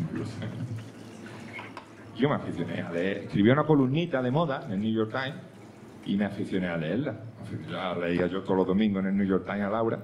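A man performing a stand-up comedy monologue, telling a story, dropping to hushed asides and rising to loud punchlines. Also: fairly low pitch, lo-fi sound, a little hiss or hum. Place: comedy club stage with audience. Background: audience laughter.

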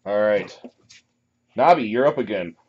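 A man running a tabletop game as game master, calling turns and results in a relaxed way. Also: on the low side, breathy edge. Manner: relaxed, brisk turn calling with laughs. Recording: muffled lo-fi table recording.

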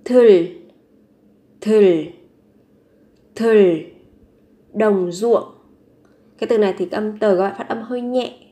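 A language teacher with a warm, medium-pitched voice gives a vocabulary lesson at a normal speed. She says each word slowly three times, then patiently explains what it means.

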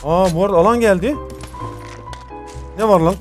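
A man's voice: high voice, normal speed, faint music behind. A young man giving live gameplay commentary as a gaming host, informal and slangy, talking to his viewers as friends.

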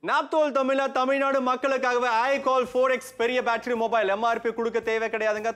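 A man with a Tamil accent presenting a teleshopping sales pitch, persuasive and full of rhetorical questions. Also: fairly bright tone. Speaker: TV shopping presenter.

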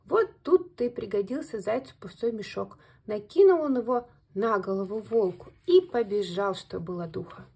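A woman reading a bedtime fairy tale aloud in an expressive, gentle storytelling manner. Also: on the high side, husky.

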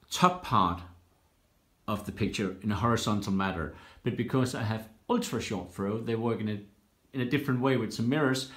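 A man talks through his do-it-yourself project in a casual walkthrough, stopping often with small "uh" pauses as he explains. His voice sits at an ordinary middle pitch. The handheld phone picks him up in a bare, roomy space that echoes around him. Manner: explains steps plainly with many "uh" pauses. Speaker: home cockpit builder. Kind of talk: casual build-log walkthrough. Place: indoors in a home workshop room. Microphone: handheld phone camera. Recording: roomy echo in a bare room.

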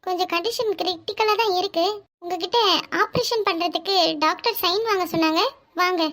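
A brisk cartoon nurse speaks in a businesslike, stern manner with a southern Tamil Nadu accent. Her voice is extremely high and thin. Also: fairly bright tone. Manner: businesslike, curt.

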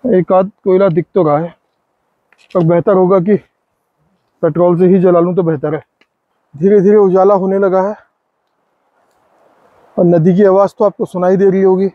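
A high-voiced man in his forties talks in a relaxed, chatty way at a riverside campsite in a forest. The sound is dry and a little dull, picked up by a phone held close. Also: moderate pace, long pauses, no room sound. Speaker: vlogger. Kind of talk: casual camping vlog narration. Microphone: phone camera held close.

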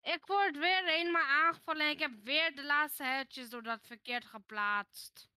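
A woman's voice: high-pitched, normal speed, sharp tone, no echo. A young woman with a Dutch accent, complaining in frustration while playing an online game. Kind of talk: casual gaming chat.

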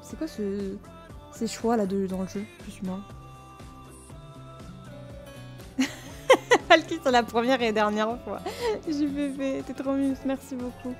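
A woman streamer chatting casually while playing a game, excitable and slangy, laughing often and thanking her chat. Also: fairly high pitch, normal speed. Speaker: Twitch streamer. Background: faint game music.

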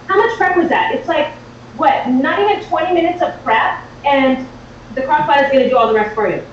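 The host of a live cooking show, a woman with a high voice, walks viewers through a casual demonstration in an informal, excitable, chatty manner. She sounds distant from the mic in a home-style indoor kitchen. The audio is slightly dull with faint noise and very strong room echo.

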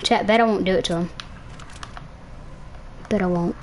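A woman's voice: mid-range voice, fairly even intonation, normal speed, a little mellow, a little hiss or hum, low-quality recording. A young woman streaming a game, casually commenting with playful trash talk and making silly sound-effect noises. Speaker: gamer streamer.

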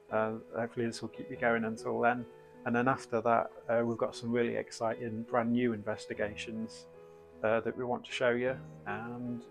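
A man in his thirties chats loosely to camera as a ghost-hunting host, filling pauses with ums and uhs. His voice sits low and stays fairly level in pitch. He is recorded indoors in a small room, a desk-distance camera picking him up. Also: creaky. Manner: relaxed, rambling, frequent ums and uhs. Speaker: paranormal investigator host. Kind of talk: casual address to camera.

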